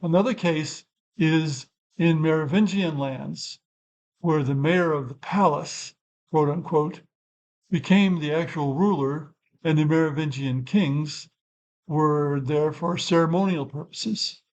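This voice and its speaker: A man's voice: a little high, slow pace, a little mellow, poor audio. An older man hosting his own channel, talking through a topic in an unscripted, rambling way and correcting himself as he goes. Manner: rambling and thoughtful, self-correcting asides. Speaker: channel host. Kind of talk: unscripted explanatory talk.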